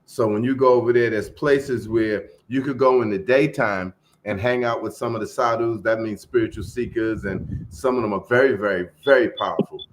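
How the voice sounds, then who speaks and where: A man telling stories in a casual group chat, animated and acting out the people in them. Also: fairly low pitch, moderate pace, hardly any pauses, slight background noise. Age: 20s. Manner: animated storyteller, acts out voices and quotes.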